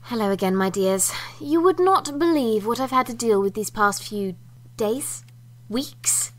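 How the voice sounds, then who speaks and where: A woman's voice: a little high, lively intonation, a little slow. A woman voicing a prim, theatrical young sister who speaks genteelly and with exasperation. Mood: exasperated.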